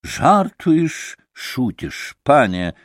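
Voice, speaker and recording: A man voicing a pompous, easily offended Polish gentleman with a Polish accent, stiff and haughty. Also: medium pitch, sing-song, very slow, no echo, clean studio sound.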